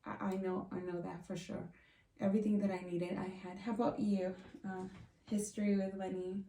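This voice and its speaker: A woman's voice: mid-range voice, level tone, normal speed, mellow. A woman from Mexico, telling her own story in an earnest, reflective vlog. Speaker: vlogger. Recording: roomy, distant from the mic.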